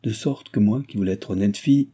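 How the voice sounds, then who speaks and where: A man's voice: fairly low pitch, fairly quick, mellow, breathy edge. A man voicing a proud, jilted young woman who speaks indignantly and pleads in a read-aloud novel.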